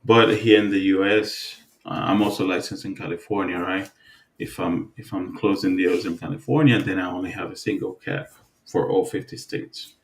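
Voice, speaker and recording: A man from the Dominican Republic co-hosting a podcast, talking in a relaxed, halting way with many fillers and restarts. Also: low-pitched, gravelly. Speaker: podcast co-host. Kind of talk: casual chat.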